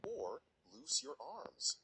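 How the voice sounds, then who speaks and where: A man's voice: medium pitch, wildly swooping pitch, slow pace, crowd noise, poor audio. A man reading out would-you-rather prompts as the announcer of a game.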